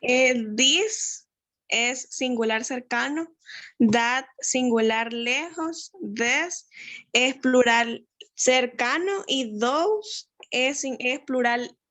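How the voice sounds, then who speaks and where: Woman, student, very slow careful answer, high voice. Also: fairly bright tone. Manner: careful, slow recital of rules. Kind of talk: answering in class.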